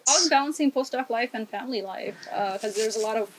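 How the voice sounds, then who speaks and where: Interviewer, woman, somewhat high voice, casual and encouraging. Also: fast, over a noisy crowd, rough recording. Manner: encouraging, brief affirmations.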